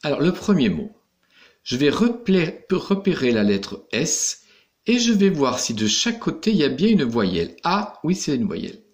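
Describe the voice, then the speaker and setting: A man's voice: on the high side, sing-song, normal speed. A man teaching young pupils in a recorded lesson, patiently explaining each step. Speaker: primary school teacher.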